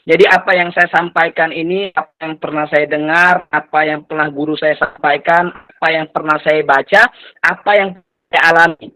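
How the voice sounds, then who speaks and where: A young man from Lampung, Indonesia, in his twenties, gives a heartfelt motivational talk, often repeating his phrases and weaving in religious blessings. His voice sits high and bright. The sound is close and dry, with no room around it. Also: little pitch movement, normal speed, dry recording, rough recording. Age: 20s. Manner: earnest, repetitive and religious, mixing in Islamic phrases. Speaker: motivational speaker. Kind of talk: motivational talk to an online community.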